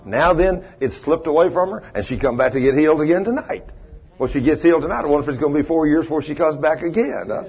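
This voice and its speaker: Quick-paced and a little rough, this preacher's voice sits on the high side. He delivers a plain-spoken, folksy sermon, builds to emphatic moments, and fields audience questions, captured in a muffled, dull live recording.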